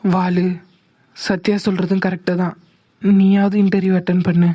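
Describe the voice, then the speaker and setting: A woman voicing a calm young husband. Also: fairly low pitch, normal speed, dry recording, close to an everyday voice. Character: young husband and dutiful son. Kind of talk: cartoon voice acting.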